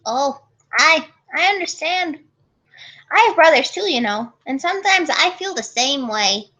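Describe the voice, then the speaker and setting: A woman's voice: high-pitched, animated, unhurried, pushed and bright, exaggerated voice. A woman voicing a tiny, cheerful, sly leprechaun man in a storybook tale, with a coaxing Irish lilt. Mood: sympathetic, sly.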